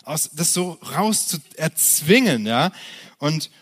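A man in his thirties preaching a sermon as pastor, lively and direct, often restarting phrases and asking the listeners rhetorical questions. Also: fairly high pitch, slow pace, husky.

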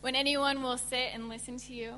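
High bright American woman preacher. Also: flat delivery, big-room sound, slight background noise. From Indiana, USA. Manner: speaks in short phrases, pausing for translation. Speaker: guest speaker. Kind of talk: sermon with live interpreter.

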